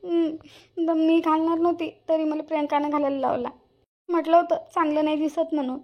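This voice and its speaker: A woman's voice: sits high, flat delivery, fairly quick, dull audio, lightly acted. A woman voicing a touchy elderly village woman in a cartoon, indignant and scolding. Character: touchy elderly village woman Shantabai, proud of her dress. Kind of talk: cartoon voice acting.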